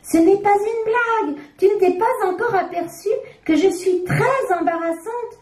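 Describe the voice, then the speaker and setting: Brief: woman doing a whiny, grumpy storybook diaper, very high, slow and complaining. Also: darkish tone, echoey room. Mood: grumbling.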